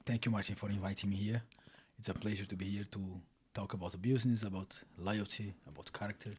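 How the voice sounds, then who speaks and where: A Brazilian man in his thirties, a native Portuguese speaker, is a podcast guest talking casually in English with a Brazilian accent and frequent restarts. His voice is fairly low, husky, and darkish in tone, with fairly even intonation and a fast pace.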